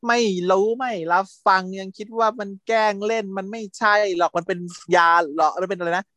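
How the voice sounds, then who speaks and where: A man's voice: sits high, brisk, sharp tone, dry recording. A man in casual chat who animatedly retells a TV series, laughing often and acting out quotes.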